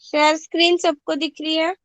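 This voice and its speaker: A woman teaching young children in an online class, stretching out each sound and word slowly. She repeats words clearly for the class to follow. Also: extremely high pitch, little pitch movement, fairly bright tone, no echo. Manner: slow, drawn-out pronunciation of sounds and words. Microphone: video call. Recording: dull lo-fi online call audio.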